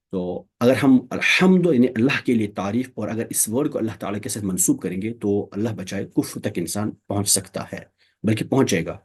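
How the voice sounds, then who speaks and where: Male religious teacher, mellow raspy tone, patient explainer. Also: mid-range voice. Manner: explains patiently, checks understanding with "theek?". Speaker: Tajweed teacher. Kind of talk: Quran recitation lesson, Urdu mixed with English.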